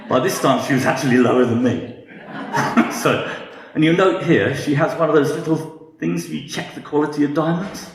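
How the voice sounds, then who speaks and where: A man's voice: fairly high pitch, moderate pace, vocal fry, roomy sound. A British man in his fifties giving a humorous talk with dry, self-mocking wit. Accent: British English. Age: 50s. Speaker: guest speaker.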